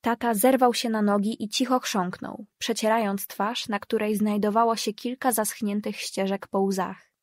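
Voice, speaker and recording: A woman reading a novel as a first-person audiobook narrator, measured and even. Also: medium pitch, no echo, studio quality.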